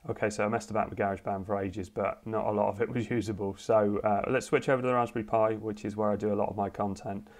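A man's voice: lowish voice, flat delivery, fast talker, few pauses. A man hosting a casual gear review at his home desk, rambling with many uhs and restarts, into a USB podcast mic. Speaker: tech video host. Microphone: USB podcast microphone.

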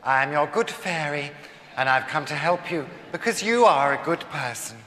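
Male actor as camp pantomime fairy, British, dry and fussy, fairly high voice, reverberant theatre. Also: moderate pace, close to an everyday voice. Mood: grandly reassuring. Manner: camp, arch, deadpan asides. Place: large theatre stage with audience. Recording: noisy live theatre recording, hall reverb.

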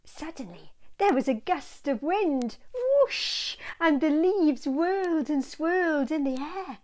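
A woman presenting a story for small children, inviting them to join in. Her voice is high and swoops expressively, with a slow, singsong delivery. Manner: animated, singsong, with acted sound words. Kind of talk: interactive storytelling for young children. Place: small indoor children's show set.

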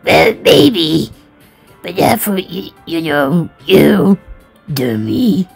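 A man's voice: on the high side, big pitch swings, drawn-out words, gravelly, husky, faint music behind, full character voice. A man voicing a prickly, defensive teenage schoolgirl in a sulky put-on voice while reading a visual novel aloud. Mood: huffy. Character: huffy, prickly teen schoolgirl.

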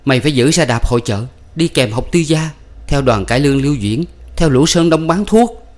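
A man's voice: medium pitch, normal speed, pitched above the performer's own voice, lightly acted. A man voicing a ranting, bitter young husband. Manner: loud, ranting, theatrical outbursts. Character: bitter, raving young husband, proud and scornful.

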